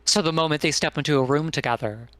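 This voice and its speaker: Co-streamer, man, slightly high voice, eager explainer, dry. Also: fast talker, a bit bright, no echo. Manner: enthusiastic explaining, filler-heavy. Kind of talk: casual chat.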